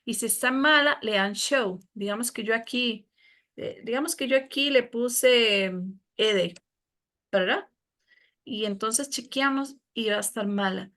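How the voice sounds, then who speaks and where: A woman with a Costa Rican Spanish accent teaches a class, unhurried and patient as she walks students through each step. Her voice sits a little high for a woman. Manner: patient, explanatory, warm with students. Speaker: English teacher. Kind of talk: classroom lesson explanation.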